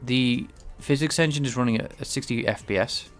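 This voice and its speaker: Faint music plays behind this mid-range, fairly quick male voice. A game developer streams his work, casually narrating as he live-codes his game engine, thinking aloud with plenty of hesitation and restarts. He sounds slightly nasal and congested from a cold.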